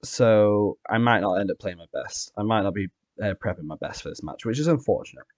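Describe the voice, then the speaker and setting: Low-voiced man hosting a casual recap. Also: animated, brisk, dry recording. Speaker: podcast host and competitive player. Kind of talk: casual recap and predictions chat.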